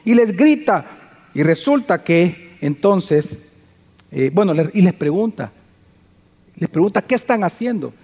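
A man with a high voice preaches in a church hall, and long reverb trails each phrase. He tells the story with animated energy and keeps turning to the congregation with questions. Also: slow, long pauses, breathy edge. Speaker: pastor. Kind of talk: sermon.

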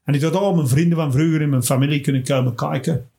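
A stand-up comedian from England, a man with a fairly high voice, chats casually. He tells his stories in an animated way, with little tag words thrown in to keep the listener with him. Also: quick pace, vocal fry. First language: English. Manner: animated storyteller, tags lines with "hè". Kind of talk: casual chat, telling stage anecdotes.

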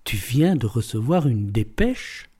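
A man's voice: mid-range voice, sing-song, unhurried, warm tone, husky. A man voicing an old police inspector who speaks bluntly, skeptically and with irony in an audiobook.

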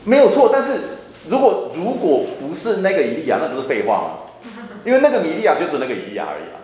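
A man's voice: fairly high pitch, wildly swooping pitch, fast talker, darkish tone. A man teaching a church Bible class, repeating and restarting phrases as he explains. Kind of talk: Bible study lecture. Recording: echoey room, faint hum.

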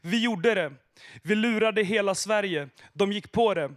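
A man's voice: sits high, natural voice. A man reading as a gloating party man. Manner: triumphant, gloating. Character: gloating male party man shouting on stage.

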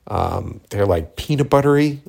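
A man from Cape Cod with a lowish, very creaky voice talks off the cuff about his days. He rambles casually and candidly, swearing freely and dropping in slangy asides. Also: animated, normal speed, a little mellow. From Cape Cod, Massachusetts, USA. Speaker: filmmaker hosting a personal audio journal.

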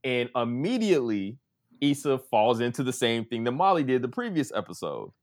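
Guy chatting bout a show, animated, keeps quoting people. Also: mid-range voice, moderate pace. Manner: animated, acts out quotes of others. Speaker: podcast co-host. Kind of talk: casual chat.

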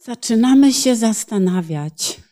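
A woman's voice: on the high side, lively intonation, measured pace, dark tone. A woman interpreting a sermon phrase by phrase, in a plain manner with small hesitations.

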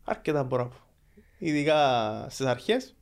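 A man's voice: a little high, lively intonation, a little mellow. A man in his thirties with a Greek Cypriot accent, answering questions as a guest in a conversational interview. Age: 30s. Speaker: podcast guest, football agent.

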